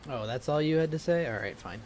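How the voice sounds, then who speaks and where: A man's voice: on the high side, animated, fast talker, a little mellow, slight background noise. A man streaming a video game, chatting casually and reacting with jokes and swearing. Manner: joking, sweary. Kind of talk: casual gameplay chat and reactions.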